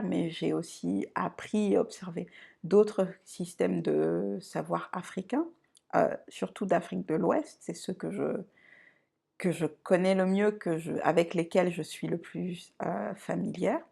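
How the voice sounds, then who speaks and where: Low gravelly-voiced woman vlogging. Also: darkish tone. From Côte d'Ivoire and France. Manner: reflective, unhurried, often searching for words. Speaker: channel host. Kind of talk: personal introduction vlog.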